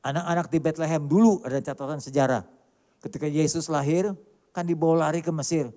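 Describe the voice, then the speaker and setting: Emphatic pastor preaching in a reverberant church. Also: male voice, a little high, steady tone, brisk. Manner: emphatic, rhetorical questions, swings between loud and quiet. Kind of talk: sermon. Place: large church hall.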